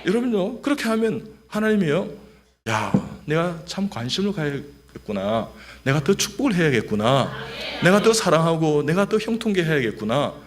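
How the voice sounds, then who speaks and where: A middle-aged doctor with a voice on the high side gives a humorous testimony in church at normal speed, lively and joking as he leads the congregation in repeating phrases. There's slight background noise.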